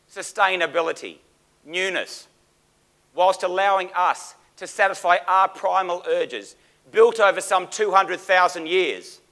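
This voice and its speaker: Pushed and bright, this man's high voice carries an auctioneer's act: formal, theatrical bid calling and salesmanship laced with dramatic emphasis.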